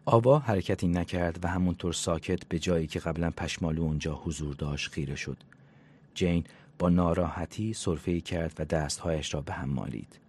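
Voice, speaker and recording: A man narrating an audiobook in an even, measured storytelling manner. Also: sits low, husky.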